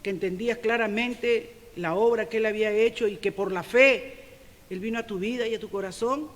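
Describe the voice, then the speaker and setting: A middle-aged woman with a Peruvian Spanish accent preaching a sermon, emphatic, swinging from loud declarations to soft confessional asides. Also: a little high, normal speed. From Peru. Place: church sanctuary. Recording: long church reverb.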